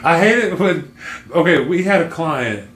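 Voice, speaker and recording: Podcast co-host, male, raised voice, lively swings, crude and excitable, roomy echo. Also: on the high side, measured pace. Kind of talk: casual chat.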